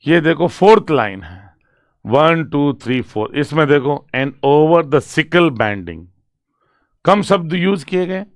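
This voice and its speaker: Male literature tutor, clear, crisp voice, dry close sound, slow and deliberate, quizzing students as he writes on the board. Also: a little high, no echo. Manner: reads English lines slowly and emphatically, then explains in Hindi; asks students check questions, writes on a board. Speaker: English literature teacher. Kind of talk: exam-prep poetry lecture mixing Hindi and English.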